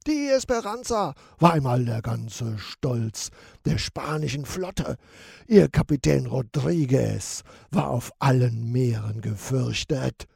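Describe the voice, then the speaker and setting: A man playing a booming, boastful pirate captain. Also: sing-song, slow pace, darkish tone, husky, dry recording, clean studio sound, full character voice. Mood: dramatic. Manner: booming, blustering.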